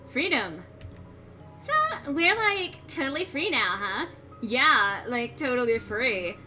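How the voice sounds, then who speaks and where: A woman's voice: high-pitched, very animated, slow, pushed and bright, soft background music, full character voice. A woman voicing a bubbly, ditzy, gossipy sorority-girl monster with a Valley Girl accent. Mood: laid-back, breezy.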